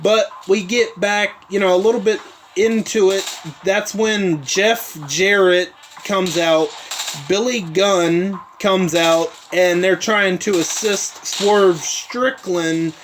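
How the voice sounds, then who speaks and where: A man's voice: high-pitched, fairly even intonation, takes it slowly, a little hiss or hum. A man hosting his own show, recapping events in a rambling casual way with many asides. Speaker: host.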